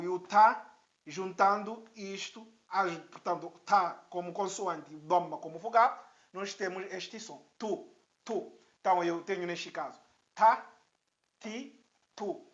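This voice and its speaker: A woman teaching an Arabic alphabet lesson step by step, repeating each syllable slowly for learners to echo. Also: mid-range voice. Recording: dull lo-fi sound.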